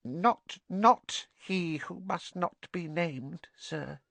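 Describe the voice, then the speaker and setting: A man voicing a small, anxious, servile male house-elf in a squeaky, strained voice, speaking of himself in the third person. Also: drawn-out words, gravelly, fairly bright tone, no room sound, full character voice. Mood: urgent. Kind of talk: audiobook character voice.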